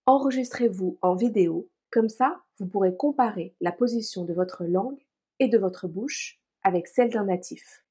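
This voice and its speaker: A woman from France presents a scripted podcast lesson in a clear, encouraging way. Her voice is warm and mellow, with a soft breathy edge. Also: mid-range voice. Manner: clear, encouraging instruction addressed to listeners. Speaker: language teacher.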